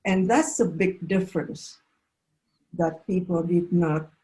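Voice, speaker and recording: An elderly woman in her eighties, a native Vietnamese speaker from South Vietnam, speaks unhurriedly with halting pauses and restarts. Her voice is low and mellow, sitting a little below most women's. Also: low-quality recording. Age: 80s. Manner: slow, halting speech with restarts and fillers. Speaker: interview guest. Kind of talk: unscripted interview answers.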